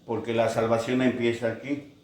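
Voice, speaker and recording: A man's voice: medium pitch, little pitch movement, normal speed, a little mellow. A man preaching a sermon, telling stories and acting out quoted voices. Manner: storytelling with acted-out quotes. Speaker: pastor. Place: church. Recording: echoey church hall.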